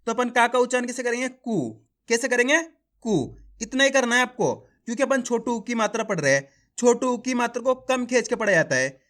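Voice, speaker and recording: A man's voice: very high-pitched, fairly bright tone. A man teaching a beginner reading lesson, calling viewers his friends and drilling syllables over and over.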